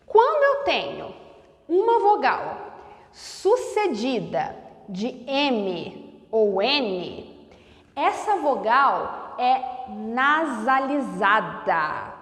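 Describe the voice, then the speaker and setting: A woman teacher walks through a lesson in a slow, deliberate way. Her voice is high and swoops widely. The room echoes with a long tail. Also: very animated. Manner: slow, deliberate, spells out sounds and syllables. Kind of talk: classroom lesson explanation.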